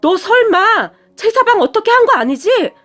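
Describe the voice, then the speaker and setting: A worried middle-aged mother, fretful and quick to fuss, as a woman puts her on with a high, rising voice. Soft music sits faintly behind this storybook telling. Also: expressive. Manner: anxious, fretful.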